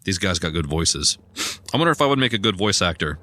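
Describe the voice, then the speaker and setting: A young man casually narrating a video game, rambling through a personal story with sudden loud outbursts. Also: low-pitched, fast, no room sound. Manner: rambling, chatty storytelling with bursts of loud excitement. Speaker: gaming streamer. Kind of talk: casual let's play commentary.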